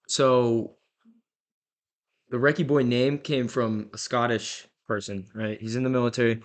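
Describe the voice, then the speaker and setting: Laid-back young man hosting a podcast. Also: lowish voice. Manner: laid-back, filler-heavy, joking storyteller. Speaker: podcast host. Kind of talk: casual podcast chat.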